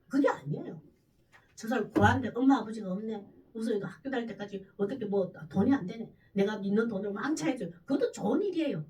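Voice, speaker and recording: Woman pastor, sermon, high lively voice, emphatic bursts, distant from mic. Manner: animated preaching with sudden loud emphatic bursts.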